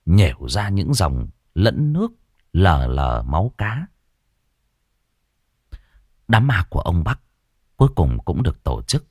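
Low-voiced man telling a ghost story. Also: dry recording, studio quality. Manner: dramatic, with long pauses.

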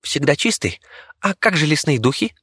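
A man voicing a boastful male rat companion who squeaks shrilly. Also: sing-song, moderate pace, bright, forceful tone, slightly rough, dry recording, clean studio sound, heavily acted. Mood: cocky.

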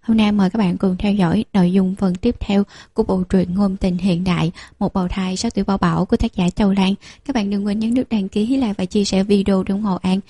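A woman hosting an audiobook channel, reading a romance novel aloud in a steady, gentle way. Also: mid-range voice, a little fast, hardly any pauses, husky, no echo. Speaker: audiobook narrator and channel host. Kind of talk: scripted narration of a romance novel.

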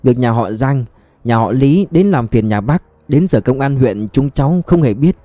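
Give me a man playing a blunt, angry detective boss with a mellow voice. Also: medium pitch, animated, normal speed, no echo, close to an everyday voice. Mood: firm, questioning. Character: blunt, hot-tempered male police chief, middle-aged.

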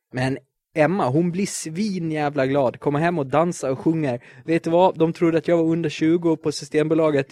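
A man's voice: on the high side, a little mellow, dry recording, clean studio sound. Rambling, stammering young Swedish man. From Sweden. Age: late 20s. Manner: rambling, self-mocking, stammers and repeats words; jittery, self-described neurotic. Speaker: podcast host. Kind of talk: casual solo podcast monologue.

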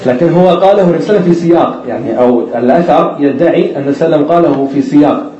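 A man's voice: on the high side, very fast, warm tone, reverberant, dull audio, slight background noise. A man teaching an Arabic grammar class, who explains step by step, asks the students questions and repeats the key words.

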